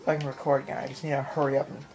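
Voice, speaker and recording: In a small room at home, a man films his TV with a handheld camera or phone while playing a game and making a video, dropping off-the-cuff reactions and apologetic asides. His mid-range voice is level in tone, racing, and marked by vocal fry. Game music and background noise come through the in-room camera mic.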